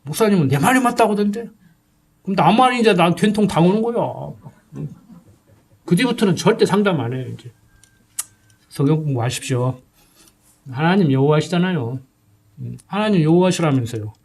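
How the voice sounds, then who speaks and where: A man's voice: fairly high pitch, expressive, moderate pace, creaky, long pauses, a little mellow. A middle-aged male pastor preaching a sermon in a folksy, conversational way, often checking in with his listeners.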